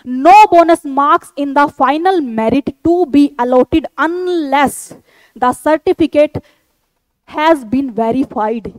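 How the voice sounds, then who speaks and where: A woman with a high, bright-pitched voice coaches a group of exam candidates, speaking directly to them. She is firm and insistent, and she hammers home each point by repeating it. The sound is close and dry, with no room echo. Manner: addresses viewers as a group. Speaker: online exam-prep tutor. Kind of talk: direct-to-camera instructional talk.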